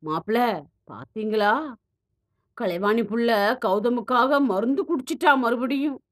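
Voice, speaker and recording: A woman's voice: on the high side, unhurried, natural voice. A woman voicing an anxious, protective middle-aged aunt who pleads and frets in an audio story. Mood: pleading. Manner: pleading, fretful.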